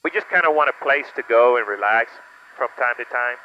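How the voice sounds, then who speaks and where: A man talks casually through a pilot cockpit headset, the audio dull and muffled. Faint engine hum sits under his voice. He rambles, with many "uh" fillers, at a middling pitch. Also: expressive, fairly quick. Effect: pilot cockpit headset intercom. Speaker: pilot and vlog host. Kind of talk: casual vlog talk while flying. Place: small plane cockpit in flight. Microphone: aviation headset boom mic.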